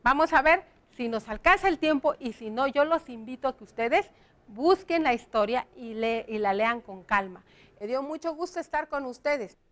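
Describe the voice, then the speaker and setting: A woman's voice: high-pitched, lively intonation, normal speed. A woman primary school teacher giving a televised lesson to children, patient and explanatory, often asking them questions.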